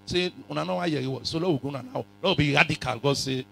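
A man with a West African accent preaching a sermon in a raspy voice, forcefully repeating phrases and questioning his congregation, sometimes in pidgin. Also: a little high, fast, slight background noise. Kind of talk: animated sermon, code-switching into pidgin. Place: church hall full of congregation.

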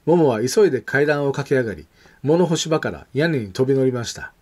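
A man reading a children's picture book aloud in a gentle, expressive way. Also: mid-range voice, a little fast. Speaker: storyteller.

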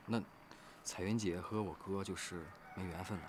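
An actor playing a gentle young man talking quietly with his mother. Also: sits low, steady tone, normal speed, background noise, lightly acted. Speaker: son. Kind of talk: TV drama acting.

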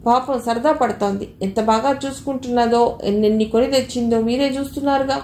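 A woman's voice: a little high, fairly even intonation, quick pace, a little mellow, slight background noise, lightly acted. Woman reading a confident kind younger sister. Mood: persuasive. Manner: confident, reasoning. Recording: echoey room, faint ambience.

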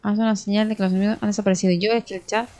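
A young woman with a Spain Spanish accent commentating her own gameplay, excitable, swearing and talking to herself as she plays. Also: mid-range voice, rapid-fire, faint music behind. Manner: excitable, swears and talks to herself while playing. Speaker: gaming streamer.

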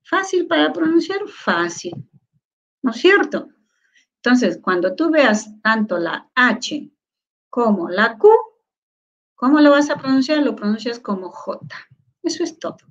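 Woman, language teacher, online lecture, slow and deliberate, rhetorical check questions, muffled lo-fi recording. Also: fairly high pitch, animated. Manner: sounds out syllables slowly.

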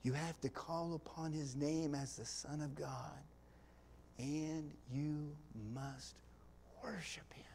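Slow-talking, impassioned man preaching a sermon. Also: on the high side, level tone, creaky, a little hiss or hum. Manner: swings from hushed near-whispers to loud impassioned climaxes, drawn-out pauses; folksy, with small laughs and asides. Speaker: pastor. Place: church sanctuary.

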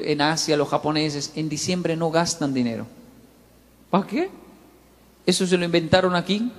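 Male preacher, lively storyteller who plays every character, long reverb of a large hall. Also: a little high. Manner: animated, voices the story's characters, calls audience to repeat. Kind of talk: sermon with acted-out story.

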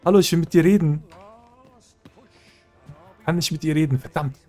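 A man's voice: fairly high pitch, moderate pace, a little mellow, soft background music. A man hosting a let's play, chatting casually and joking, talking back to the game's characters. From German-speaking country. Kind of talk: casual gameplay commentary.

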